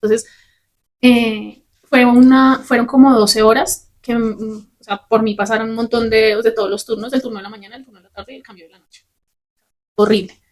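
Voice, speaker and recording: A young adult woman, a podcast host telling a personal story candidly and with animation. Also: on the high side. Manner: candid, fast and animated, swears casually.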